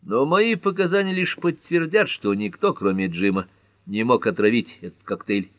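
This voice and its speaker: A stubborn, guarded detective, as a male narrator reads him, only a little above the narrator's own low voice. He talks with lively rises and falls, and the audiobook recording is dry and dull. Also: normal speed, dry recording, lightly acted. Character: guarded amateur detective man. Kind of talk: audiobook character voice.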